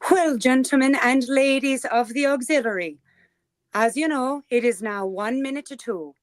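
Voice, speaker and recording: A woman's voice: high-pitched, normal speed, no echo, close to an everyday voice. A woman playing a blustering, officious man running a neighborhood parade vote in a radio play. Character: pompous Irish man, auxiliary official, Mr. Kelly. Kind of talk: amateur radio drama reading.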